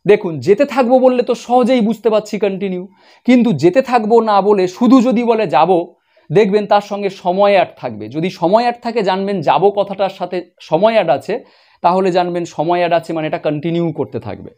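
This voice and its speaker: A high-voiced man leads a grammar lesson. He explains each rule step by step, saying example sentences slowly and repeating them. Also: a little mellow. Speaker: English grammar teacher. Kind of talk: spoken grammar lesson at a board.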